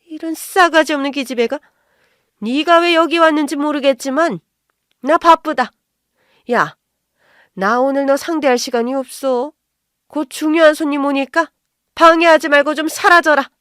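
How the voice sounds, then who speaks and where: A woman voicing a bossy, rude middle-aged mother-in-law who yells and scolds. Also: mid-range voice, normal speed, dry recording, clean studio sound, natural voice. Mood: furious yelling. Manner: shouting, scolding, contemptuous.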